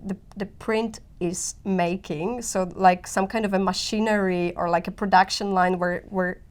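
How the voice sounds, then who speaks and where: A woman in her thirties speaks English with a Polish accent, chatting casually as a guest artist. Her delivery is animated and searching, full of "uh", "like" and restarts. Her voice sits at an ordinary middle pitch. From Poland. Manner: animated, frequent fillers and restarts, laughs easily. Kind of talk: casual interview chat.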